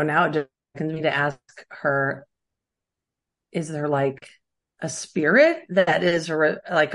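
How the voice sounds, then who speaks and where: A woman's voice: on the low side, fairly bright tone. A woman in her thirties co-hosting a podcast, chatting casually with lots of fillers and laughter. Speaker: podcast co-host. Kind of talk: casual chat.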